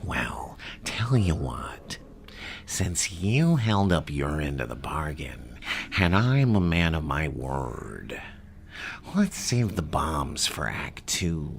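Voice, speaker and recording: An actor playing a theatrical, menacing madman crime boss in an ASMR roleplay, mocking and drawn-out, often slipping into a whisper. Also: very deep voice, very animated, a little hiss or hum, full character voice. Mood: mocking, sinister. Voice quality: gravelly.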